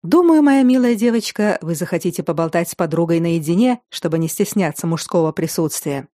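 A woman voicing a calm, ironic elderly nobleman with a dry, teasing manner. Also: lowish voice, fairly quick, no echo, lightly acted. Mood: wry.

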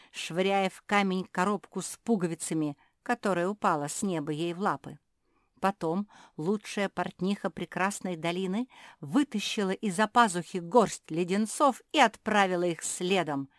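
A woman reading a children's storybook aloud as narrator, in a measured storytelling manner. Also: lowish voice, dry recording, clean studio sound.

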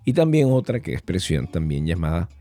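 A middle-aged man with a Venezuelan accent talks through his podcast in a playful, rambling way, slipping into voices for the slang he explains. His voice is deep and dark with a husky grain. Pitch leaps around lively, and soft guitar music plays underneath. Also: a little fast. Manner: playful, jumps between topics, acts out quoted slang voices. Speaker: podcast host. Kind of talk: casual monologue podcast.

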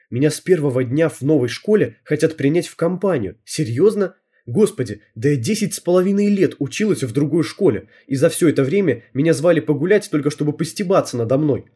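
A man narrating a first-person novel in an even storytelling manner, as an audiobook narrator. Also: a little high, brisk, breathy edge.

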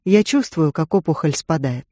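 A reader voicing a tough, battered female agent who speaks tersely and gruffly. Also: low-pitched, lively intonation, normal speed, warm tone, no room sound, studio quality.

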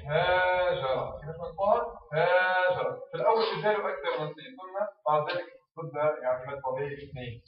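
Male instructor, step-by-step teacher-pupil demos, distant, dull and echoey recording. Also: fairly high pitch. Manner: explains step by step, acts out teacher and pupil exchanges. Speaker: teacher trainer. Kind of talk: instructional talk on teaching reading.

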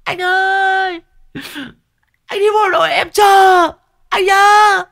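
A man faking a shrill, wailing teenage girl. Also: little pitch movement, slow pace, creaky, sharp tone, shouting, full character voice. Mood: wailing, pleading. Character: sobbing teenage girl begging her departing soldier boyfriend.

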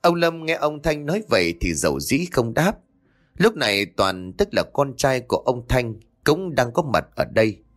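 A man narrating a ghost story in a dramatic, expressive way. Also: medium pitch, normal speed.

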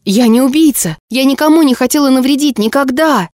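A woman's voice: sits high, animated, unhurried, darkish tone, dry recording, clean studio sound. A woman voicing a frightened, desperate young girl who pleads and cries out in an audiobook. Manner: pleading, sobbing outbursts. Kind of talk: audiobook character voice.

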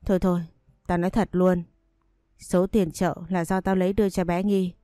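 A woman's voice: fairly low pitch, little pitch movement, moderate pace, warm tone, clear, resonant tone, dry recording, studio quality, close to an everyday voice. A woman voicing a flustered, cornered young female roommate in a spoken story. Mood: panicked.

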